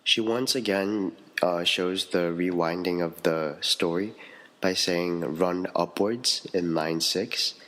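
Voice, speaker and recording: A man reading out a prepared poetry analysis as a student, in a measured, steady way. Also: sits low, low-quality recording.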